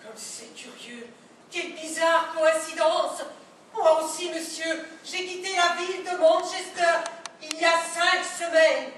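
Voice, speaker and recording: A woman acting a prim, overly polite wife in an absurdist stage play, speaking with measured, ceremonious politeness. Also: extremely high pitch, steady tone, fairly bright tone, slight background noise, full character voice. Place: theatre stage. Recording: echoey stage sound from a distant mic.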